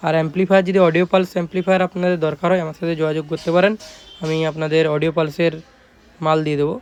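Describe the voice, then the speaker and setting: Speaking very fast in a level tone, a Bengali-accented shop owner from West Bengal, India, casually presents his work, pushing it emphatically and repetitively. His voice is on the high side and sounds smooth.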